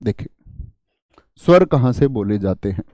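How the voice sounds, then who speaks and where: A man's voice: on the high side, animated, measured pace, dark tone, no room sound. A man teaching a class, asking his students questions and repeating the answers, with memory tricks and light jokes. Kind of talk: classroom lesson.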